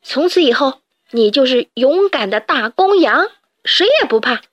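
Plucky boy chick hero, as a woman puts him on, high bright voice, bold and commanding, storybook reading. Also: expressive, moderate pace, dry recording.

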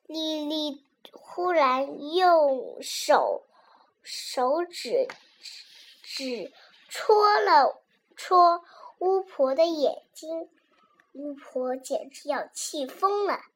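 选角：女声儿童故事讲述者，声音高亮，语速慢。. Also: female voice, high-pitched, drawn-out words, slight background noise. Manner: animated, expressive reading. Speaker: children's storyteller. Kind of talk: children's storybook reading.

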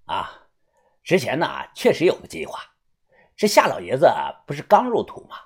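A man voicing a smooth-talking, chummy gang boss in an audiobook, who drags out his fillers. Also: a little high, wildly swooping pitch, full character voice. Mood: confiding. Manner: folksy, drawn-out fillers like "ah" and "hey". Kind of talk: audiobook character voice.

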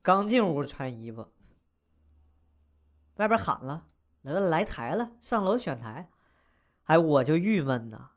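A young man tells a comic story from his own life, speaking. His voice sits a little high for a man. The delivery is loose and slangy, full of wisecracks and chuckles. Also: very animated, unhurried, pauses often.

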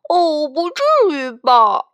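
A woman voicing a greedy young chick who mumbles slowly. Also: high-pitched, a bit bright, voice pushed up. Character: greedy chubby chick who loves cheese.

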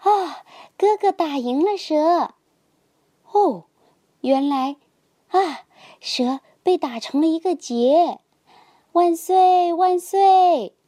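A woman voicing a crowd of excited little frog brothers in a children's story, shouting in high, eager voices. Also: slow, pauses often.

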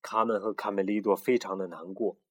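A man reading a picture storybook aloud to a child in a relaxed way, often stopping to ask the listener questions. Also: on the low side, fairly quick. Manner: chatty, stops to quiz the listener. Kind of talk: casual read-aloud storytelling.

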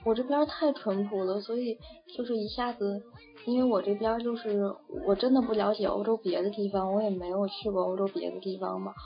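A woman's voice: medium pitch, fairly even intonation, a little fast. A young woman from China chatting casually and rambling, with many fillers and restarts. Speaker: interviewee. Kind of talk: casual chat. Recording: dull lo-fi audio with faint music.

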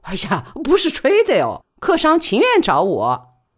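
A woman storyteller voicing a loud, coarse and boastful middle-aged female porter in a Wuhan dialect. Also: a little high, wildly swooping pitch, unhurried, breathy edge, pitched above the performer's own voice, full character voice. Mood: hearty.

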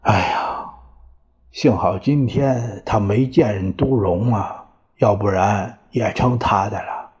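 A man voicing a reluctant noble guest who speaks in a hushed, grudging, sighing way in a told story. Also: on the low side, slow. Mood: rueful. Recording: dull lo-fi recording.

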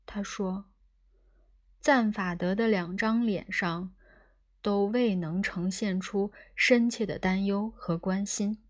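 A woman narrating a comic science fiction audiobook in a measured storytelling manner. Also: mid-range voice, fairly even intonation. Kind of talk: scripted narration.

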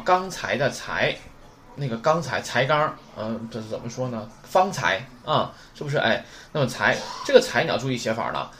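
Lively male language teacher. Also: mid-range voice, slight background noise. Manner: patient, repeats key points, asks rhetorical questions. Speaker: Japanese teacher. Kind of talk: recorded lesson for Chinese learners.

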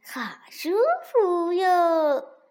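A woman's voice: very high-pitched, drawn-out words, darkish tone, voice pushed up, exaggerated voice. A woman voicing a clingy newly hatched duckling with a childlike voice. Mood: cooing. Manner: childlike, calling out eagerly.

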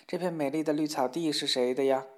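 A man's voice: a little high, steady tone, fast, pitched above the performer's own voice, close to an everyday voice. A man doing a haughty young princess. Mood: plaintive. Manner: scornful, later plaintive.

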